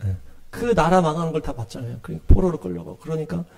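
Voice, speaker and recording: A man's voice: fairly high pitch, very animated, quick pace, vocal fry, darkish tone. A middle-aged male pastor preaching a sermon in a conversational way, with many fillers and acted-out quotes.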